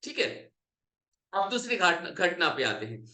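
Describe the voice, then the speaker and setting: Bright, forceful male motivational coach. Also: high voice, very animated, measured pace. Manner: emphatic, repeats phrases for effect. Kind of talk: motivational talk with anecdotes. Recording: roomy echo.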